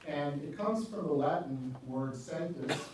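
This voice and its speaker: A man's voice: a little high, animated, unhurried. A man with a Brooklyn accent giving a casual, self-deprecating parish adult education lecture, full of ums and uhs. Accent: New York (Brooklyn). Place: church hall. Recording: echoey room from far off with noise.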